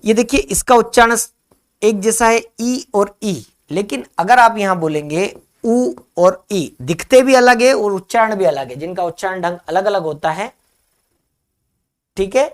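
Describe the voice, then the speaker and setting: A male teacher runs a live online grammar class. He answers viewers' comments in a reassuring tone and dictates definitions slowly, repeating each phrase. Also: high-pitched, lively intonation.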